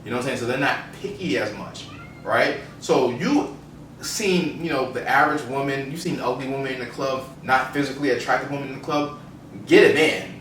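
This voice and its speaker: A male podcast co-host with a bright, forward voice gives his opinions casually and emphatically. He sounds roomy and slightly off the mic, with faint background noise. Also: medium pitch, fairly quick, recorded from a distance.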